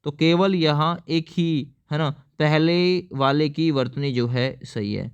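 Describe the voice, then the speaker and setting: A man's voice: a little high, fairly even intonation, slow, clean tone, highs cut off. A man teaching an exam-prep lesson, explaining each answer step by step and often asking viewers to answer.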